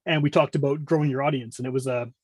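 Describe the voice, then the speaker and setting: A middle-aged man chats casually as a guest on a podcast, and he is also a music podcast host himself. His husky, medium-pitched voice moves quickly with fairly even intonation, and there's no room sound. He's talkative and rambling, often cutting himself off mid-explanation.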